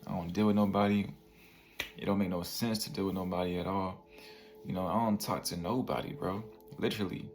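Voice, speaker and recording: A man's voice: deep voice, steady tone, brisk, a little mellow, slight background noise. A man in his twenties giving a casual motivational monologue to the camera, laid back and full of slang, tagging lines with "bro" and "you feel me". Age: 20s. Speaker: vlogger.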